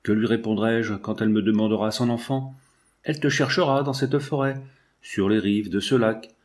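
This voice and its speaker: A tender old father blesses his departing child, solemn and grieving, as a man reads him in his own voice. The audiobook reading keeps a measured, earnest tone. His words lean on benediction and pleading. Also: lowish voice, steady tone, darkish tone, natural voice.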